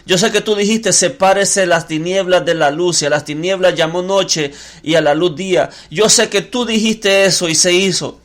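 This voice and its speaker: A man's voice: high voice, normal speed, hardly any pauses, fairly bright tone. A man voicing a Roman centurion, a grown man pleading with earnest, insistent repetition.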